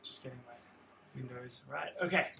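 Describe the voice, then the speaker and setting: A young man with a creaky, mid-range voice explains guitar chords on a live stream at a normal pace, friendly and rambling with many restarts. Guitar plays behind him against a noisy background.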